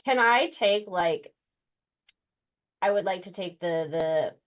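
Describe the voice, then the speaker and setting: A woman chatting casually as a tabletop game player, halting and thinking aloud as she goes. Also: fairly low pitch, expressive.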